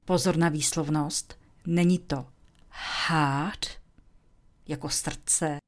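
A woman teaching English, speaking slowly and clearly, and sometimes dropping into a whisper to model phrases. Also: sits low, steady tone. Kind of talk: slow, deliberate language lesson.

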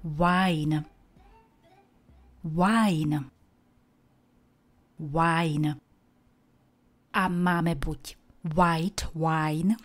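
A woman giving a scripted English lesson to Czech speakers, slowly and carefully demonstrating the pronunciation of each word. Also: sits low. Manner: Czech-speaking teacher pronouncing English words. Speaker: English teacher.

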